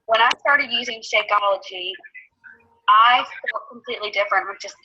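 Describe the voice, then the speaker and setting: A woman's voice: medium pitch, moderate pace, bright, forceful tone, breathy edge. A woman in her twenties chatting eagerly about becoming a coach. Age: 20s. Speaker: student and coach. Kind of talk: testimonial. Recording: dull lo-fi recording.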